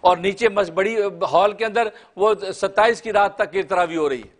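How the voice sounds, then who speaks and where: Impassioned high-voiced man preaching. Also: normal speed. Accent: Urdu. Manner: impassioned, sweeping hand gestures, rising to near-shouts when quoting. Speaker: mufti, religious speaker. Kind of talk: sermon-style address. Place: small indoor studio room.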